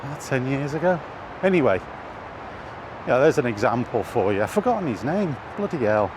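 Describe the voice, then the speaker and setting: This vlogger, a middle-aged British man, thinks aloud in a casual ramble while walking outdoors in an urban area, often hesitating over words. His mid-range voice is very animated and moves at normal speed. Clear street and vehicle noise fills the noisy, traffic-heavy recording.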